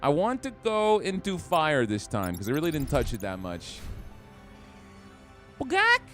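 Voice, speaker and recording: A man giving excitable, jokey commentary while playing a game on a live stream. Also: fairly high pitch, normal speed, soft background music. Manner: excitable, jokey trash talk.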